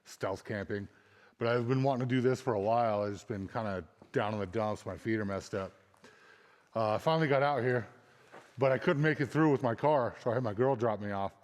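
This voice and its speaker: A man's voice: mid-range voice, brisk. A man talking casually as an outdoor adventure vlogger. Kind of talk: casual vlog talk. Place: abandoned concrete missile site. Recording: long hall reverb, faint noise.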